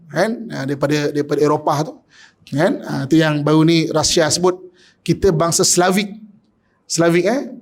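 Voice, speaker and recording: High-voiced Malaysian preacher. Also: male voice. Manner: rhetorical, keeps asking "kan?"; swings from low asides to raised, near-shouted points. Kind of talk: mosque lecture.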